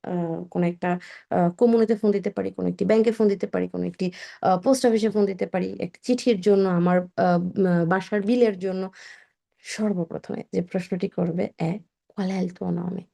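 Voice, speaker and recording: A woman's voice: medium pitch, fairly even intonation, a little fast, gravelly, dark tone. A woman whose first language is Bengali, teaching an Italian lesson and carefully repeating each word twice.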